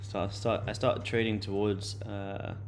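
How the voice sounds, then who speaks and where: On a day-trading livestream, a man in his late twenties answers viewers in loose, casual talk thick with fillers and repeated words. His voice is on the low side, delivered flatly at a measured pace.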